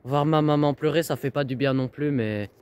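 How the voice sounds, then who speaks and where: A young man speaking quietly and hesitantly in a confessional interview. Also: fairly high pitch, moderate pace, clean tone. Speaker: family member interviewee.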